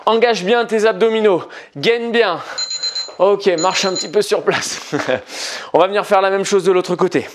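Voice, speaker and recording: A man coaching a home workout class, encouraging the viewer and counting out reps. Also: sits high. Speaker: fitness coach. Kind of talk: guided home workout instruction.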